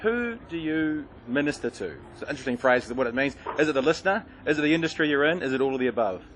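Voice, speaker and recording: A man's voice: mid-range voice, expressive, quick pace, a bit bright, slight background noise, rough recording. A man with a broad New Zealand accent, interviewing someone in a casual, chatty style as a host.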